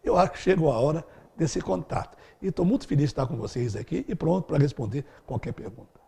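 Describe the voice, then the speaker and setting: A man's voice: a little high, lively intonation, fast talker, gravelly, dark tone, breathy edge. A middle-aged man answering interview questions as a speed-reading instructor, explaining in a didactic way with vivid everyday examples.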